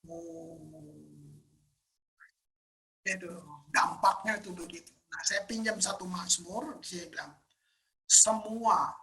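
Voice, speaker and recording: A woman pastor giving a casual, emphatic sermon, often sinking into a hushed whisper. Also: lowish voice, slow pace, gravelly, pauses often, rough recording. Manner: casual conversational preaching with fillers.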